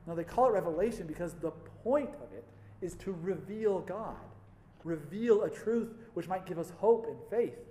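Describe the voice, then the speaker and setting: A man delivers a sermon in a fairly high voice, telling stories and slipping in wry asides. His words ring out with the long reverb of a large hall. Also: expressive, moderate pace, warm tone. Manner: storytelling, wry asides, varied emphasis. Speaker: preacher. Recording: echoey hall.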